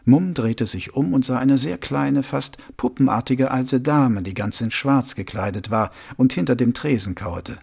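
A man narrating a novel as an audiobook in a lively storytelling manner. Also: medium pitch, a little slow, vocal fry, few pauses, husky. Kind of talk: scripted narration.

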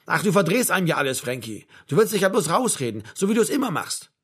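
Man voicing agitated young male flatmate, shouting, accusing, husky high voice, audiobook. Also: fast talker, full character voice. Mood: bitter, accusing. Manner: shouting, hurt, jabbing.

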